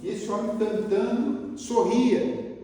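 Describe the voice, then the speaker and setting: A man's voice: high voice, slow, distant mic. A man with a Brazilian Portuguese accent giving a spiritist lecture, telling stories and asking the audience questions. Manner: lively storyteller, asks the audience questions. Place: lecture hall. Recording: echoey hall, voice from afar.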